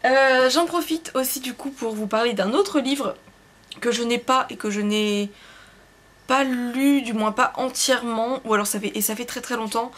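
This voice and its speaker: A young woman reviewing books in a casual vlog, rambling and hesitant, full of fillers and self-corrections, and quick to poke fun at herself. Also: a little high, fairly bright tone. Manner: self-deprecating, laughs at herself. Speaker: book vlogger.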